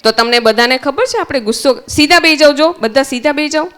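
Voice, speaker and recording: A woman's voice: sits high, quick pace, a bit bright. A woman with a Gujarati accent, teaching young children at a summer camp, asking them questions and answering them herself. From Gujarat, India.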